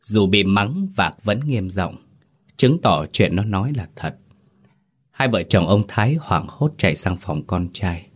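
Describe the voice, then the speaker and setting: A man hosting and narrating a scripted horror story in a steady, measured way. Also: fairly low pitch, husky. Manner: steady, measured storytelling with hesitant asides in the intro. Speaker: host and narrator.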